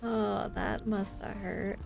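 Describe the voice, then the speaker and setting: A game streamer plays live while chatting casually, playful and expressive, with game music and sounds behind her. Her voice is medium in pitch with fairly even intonation and vocal fry, and she speaks slowly.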